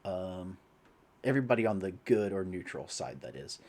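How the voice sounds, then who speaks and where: Low-ish guy running a tabletop game, lots of ums and uhs. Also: very animated, moderate pace, a little mellow. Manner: rambling, many fillers. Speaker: game master.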